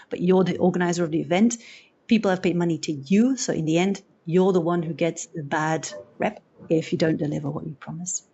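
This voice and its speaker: A Belgian woman, not a native English speaker, hosts an event with a conversational presentation, her voice lowish and husky with the highs cut off. She's animated, acting out little quotes and restarting her sentences.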